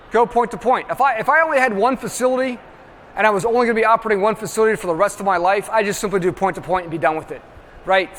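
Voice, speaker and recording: A man presents at a trade show, his voice sitting high for a man. He drives each point home with emphatic check-ins to the crowd. The sound rings out through a large, reverberant hall over a faint background hum. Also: a bit bright. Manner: emphatic, constantly checks in with "right?". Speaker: industry presenter.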